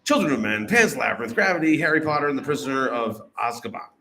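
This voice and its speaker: A man's voice: mid-range voice, big pitch swings, fast, sharp tone. A man hosting live bar trivia, reading out questions, cracking jokes and swearing freely. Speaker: trivia host.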